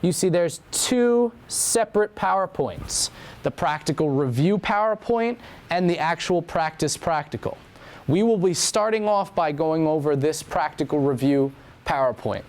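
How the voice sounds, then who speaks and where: A man's voice: fairly high pitch, expressive, measured pace, darkish tone. A young man teaching an anatomy and physiology lab review in a classroom, talking casually and repeating key points.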